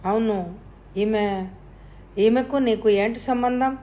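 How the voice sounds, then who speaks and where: A woman's voice: on the high side, slow pace, dark tone. A woman voicing a frightened man who stammers and murmurs anxiously. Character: frightened middle-aged man facing death.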